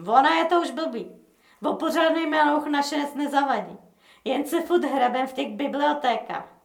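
A woman's voice: high-pitched, creaky, roomy sound, voice pushed up. A woman voicing a cheeky, insolent young male gangster who talks in mocking slang in a storybook reading. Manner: mocking, colloquial slangy talk.

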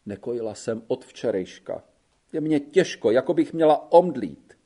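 A man's voice: medium pitch, sing-song, dark tone. A male narrator voicing a young Italian woman working as a wet nurse, tired and complaining on a hot train ride. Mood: plaintive. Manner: plaintive, sighing complaints.

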